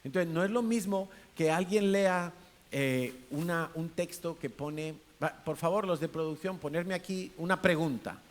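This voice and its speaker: A man's voice: a little high, measured pace. A man with a Spanish accent preaching a sermon in a church hall, in a conversational way, asking the congregation questions and acting out different tones of voice. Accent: Peninsular Spanish. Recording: faint hiss.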